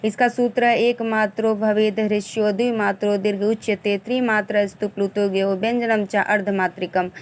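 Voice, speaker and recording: A woman's voice: medium pitch, steady tone, normal speed, few pauses. A woman teacher explains Sanskrit grammar for an exam, sounding out vowels and examples one by one and sometimes restarting a phrase. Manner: restarts and corrects herself mid-phrase.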